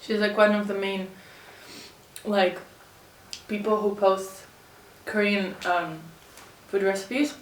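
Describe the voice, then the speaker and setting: A woman hosting a mukbang, chatting casually while eating crunchy fried chicken and pausing to chew. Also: medium pitch, level tone. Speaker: mukbang host. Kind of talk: casual eating-show chat. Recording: roomy echo, distant mic, faint noise.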